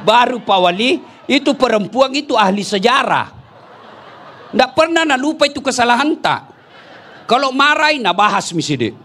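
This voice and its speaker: A man with a Makassar Indonesian accent preaching a humorous sermon to an audience, often shouting and acting out quoted voices. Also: very high-pitched, expressive, moderate pace, a little hiss or hum. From South Sulawesi, Indonesia.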